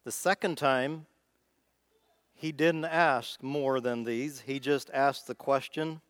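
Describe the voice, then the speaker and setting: A man's voice: medium pitch, steady tone, slow, a bit bright, no room sound. A man with a Midwestern accent giving an informal, folksy sermon, thinking aloud as he goes. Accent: Midwestern American. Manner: folksy, conversational, thinking aloud with small restarts. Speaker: preacher.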